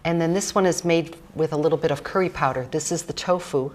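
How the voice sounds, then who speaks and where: A woman's voice: low-pitched, fast talker, very noisy. A woman cookbook author chatting casually through a cooking demonstration, rambling with jokes and fillers.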